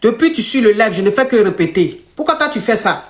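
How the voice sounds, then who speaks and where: A woman's voice: a little high, expressive, brisk. A woman hosting a live call-in show as a coach, speaking to callers in a blunt, impatient way.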